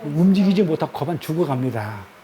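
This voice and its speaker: A man's voice: fairly high pitch, expressive, brisk, warm tone. A man leading a Bible study lecture, pressing his listeners with constant rhetorical questions and repeating key words for emphasis. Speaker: Bible teacher.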